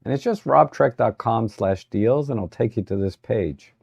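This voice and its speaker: Hoarse male livestream host, gravelly, dark tone, halting delivery, dry sound. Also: mid-range voice, dry recording. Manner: halting, many fillers and restarts. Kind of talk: casual livestream chat.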